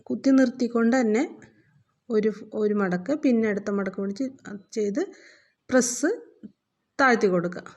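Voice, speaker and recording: A woman's voice: fairly high pitch, dark tone. A woman giving a patient step-by-step sewing lesson, repeating each step and checking that learners follow. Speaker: sewing teacher.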